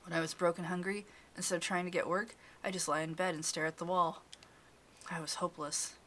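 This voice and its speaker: A woman's voice: fairly low pitch, brisk, a little hiss or hum. A woman streamer narrating a visual novel aloud, with blunt casual asides. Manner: expressive reading, blunt asides. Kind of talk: game narration and casual commentary.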